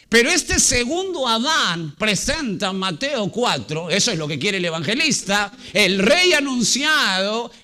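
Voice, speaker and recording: High-voiced, bright-toned preacher man. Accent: Latin American Spanish. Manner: asks the congregation rhetorical questions and repeats key words; slows and stresses words for emphasis. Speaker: pastor. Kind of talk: sermon. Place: church.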